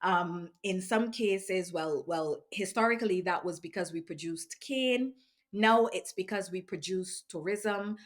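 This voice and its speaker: A woman speaks in a somewhat low voice. She is an activist giving an earnest, measured interview. She pauses often on ums and restarts her sentences. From Barbados. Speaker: activist in residence. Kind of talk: reflective interview monologue.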